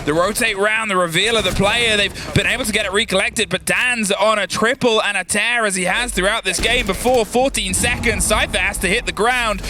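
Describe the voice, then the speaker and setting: A man working as an esports caster, giving excited, dramatic play-by-play in clipped phrases that build toward drawn-out shouts. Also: high voice, background noise. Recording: music behind the voice.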